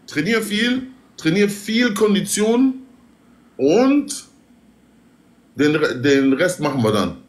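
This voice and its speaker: A man's voice: a little high, expressive, unhurried, few pauses. A man chatting casually on a group livestream, giving emphatic fight advice in street slang sprinkled with Arabic oaths.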